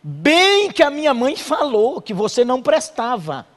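A man voicing a bitter, scolding middle-aged wife in a shrill, accusing tone. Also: huge pitch swings, a little slow, a bit bright, long reverb tail, full character voice.

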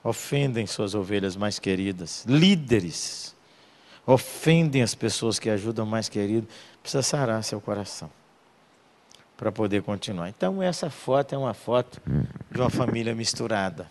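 An older man, preaching a storytelling sermon as a pastor, emotional, swinging between loud bursts and soft murmurs. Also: on the low side, animated, moderate pace.

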